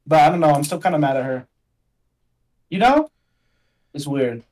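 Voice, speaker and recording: A young man guesting on a casual podcast, his voice sitting a little high for a man. He rambles through his stories in loose slang, leaning constantly on "like" and "bro". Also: very animated, normal speed, a little mellow, rough recording. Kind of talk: casual chat.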